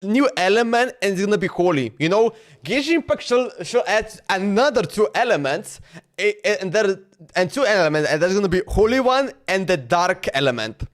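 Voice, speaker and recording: A man reacts on a livestream in slangy, exclamatory casual chat, repeating himself often. His high-pitched voice is fairly quick with lively intonation, and music runs underneath.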